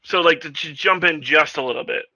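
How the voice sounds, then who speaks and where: A man co-hosting a movie podcast, talking in an animated, mocking way with quick laughs. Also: fairly high pitch, dry recording. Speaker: podcast co-host. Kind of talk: casual movie chat. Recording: dry, dull lo-fi mic.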